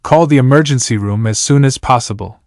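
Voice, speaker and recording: A man's voice: medium pitch, fairly quick, a little mellow, dry recording. Male narrator, mid-range voice, dry booth sound, reads every character plainly. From Iran. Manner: reads all characters in the same voice, announcing speaker names. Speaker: narrator reading his novel. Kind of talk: flat audiobook narration.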